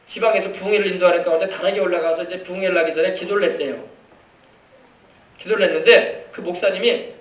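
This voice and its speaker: A pastor with a South Jeolla accent giving a children's sermon, asking the children questions and waiting for their answers. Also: male voice, high-pitched. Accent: Korean, South Jeolla (Yeosu). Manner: asks the children questions and waits for replies. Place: church sanctuary. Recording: echoey church hall, voice from far off.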